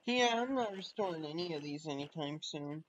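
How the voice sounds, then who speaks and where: A man streaming a train simulator in casual live chat, thinking aloud and chatting with viewers between pauses. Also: a little high, expressive, a bit bright. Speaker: livestreamer playing a train simulator. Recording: dull lo-fi stream audio with faint noise.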